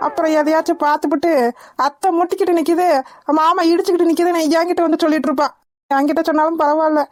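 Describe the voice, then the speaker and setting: A woman's voice: very high-pitched, no echo, studio quality. A woman voicing an exasperated scolding aunt. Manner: exasperated scolding, fast chiding. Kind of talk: cartoon voice acting.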